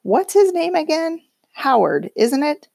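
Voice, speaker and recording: A woman's voice: high voice, sing-song, unhurried, gravelly, a little mellow, no echo, studio quality, voice pushed up, heavily acted. A woman voicing a nervous, fussy middle-aged husband in a read-aloud story, hesitant and mumbling.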